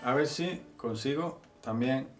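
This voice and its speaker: Man teaching, bouzouki loud behind. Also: medium pitch, measured pace, over loud music. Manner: explains patiently, counts beats aloud. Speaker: music teacher. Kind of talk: instructional vlog. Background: loud bouzouki playing.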